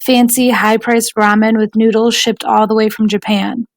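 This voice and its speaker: Woman audiobook narrator, slightly high, gravelly texture, measured reading. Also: little pitch movement, no echo, poor audio.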